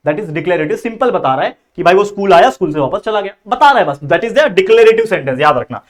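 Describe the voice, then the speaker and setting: High-voiced man tutoring exam grammar. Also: expressive. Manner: reads example sentences slowly and deliberately. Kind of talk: exam-prep grammar lesson.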